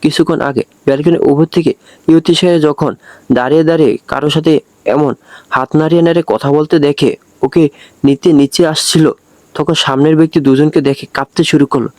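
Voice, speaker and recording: A man narrates a scripted story with steady delivery. His voice is fairly high. The recording is dry and close, with little room sound. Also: a little fast, no echo.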